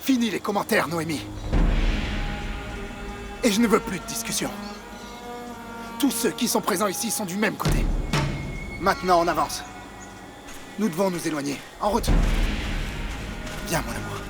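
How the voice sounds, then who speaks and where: An actor dubbing the firm, protective leader of a group on the run. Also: male voice, high voice, animated, moderate pace, long pauses. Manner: firm, commanding. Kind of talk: dubbed telenovela acting. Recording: music playing underneath.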